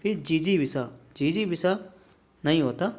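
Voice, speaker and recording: A young man teaching correct spellings in a lesson, setting each wrong form against the right one and checking in often with a quick "okay". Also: on the high side, lively intonation. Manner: repetitive drilling, checks in with "ठीक है" often; contrasts the wrong form with the right one, pausing mid-word. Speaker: Hindi teacher. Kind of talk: spelling lesson for exam prep.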